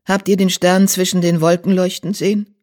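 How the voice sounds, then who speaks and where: A man's voice: sits high, level tone, normal speed, a little mellow, lightly acted. A man reading a storybook, voicing a male healer cat who proclaims solemnly while hiding his unease.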